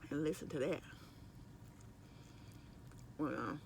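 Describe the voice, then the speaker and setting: A middle-aged man with a rather high voice and vocal fry takes it slowly as he eats on his work lunch break for a mukbang vlog. He chats in a rambling, conversational way, sometimes mouth full, with slight background noise.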